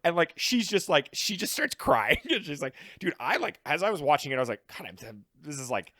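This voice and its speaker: Rambling animated podcast guy. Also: a little high, fairly quick, no echo, studio quality. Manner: rambling, animated, lots of fillers and laughs. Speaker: podcast co-host. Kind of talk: casual film discussion.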